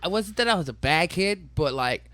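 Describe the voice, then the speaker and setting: A young man co-hosting a podcast, telling childhood stories in a loose, animated way and acting out the voices. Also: fairly high pitch, brisk. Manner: animated storyteller, acts out voices, laughs often. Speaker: podcast co-host. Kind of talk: casual chat.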